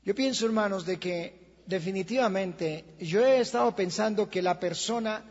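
Colombian pastor, male, gravelly high voice, fiery sermon; dull lo-fi church recording with long reverb. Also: moderate pace. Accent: Colombian Spanish. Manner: impassioned, swings from quiet to shouting. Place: church hall.

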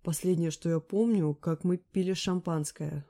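A woman reading an audiobook, voicing a hungover young woman who mumbles slowly and hoarsely. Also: lowish voice, steady tone, close to an everyday voice. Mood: groggy. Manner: slow, hoarse, quiet mumbling. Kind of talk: audiobook character voice.

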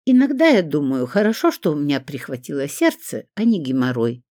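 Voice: medium pitch, animated, measured pace, darkish tone, dry recording, clean studio sound, close to an everyday voice. A reader voicing an imperious, sardonic elderly woman with a well-trained commanding voice. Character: imperious sharp-tongued elderly woman patient.

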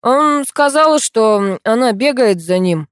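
A woman's voice: on the high side, animated, slow pace, clear, resonant tone, no room sound, studio quality, voice pushed up. A woman reading a casual young man who talks while chewing. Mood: offhand. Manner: offhand, chewing while talking.

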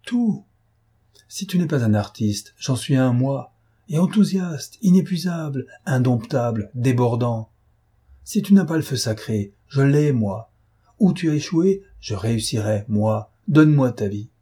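A man's voice: medium pitch, animated, measured pace, dark tone, breathy edge. A man voicing an imperious domineering noble. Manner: emphatic, ironic, imperious. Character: commanding noble master, proud, domineering man.

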